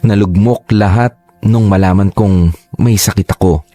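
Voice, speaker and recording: In a radio drama, a man with a low, mellow voice plays a young man remembering his illness. His narration is earnest, confessional, unhurried and heartfelt, with a steady tone, a somber mood and faint music behind him.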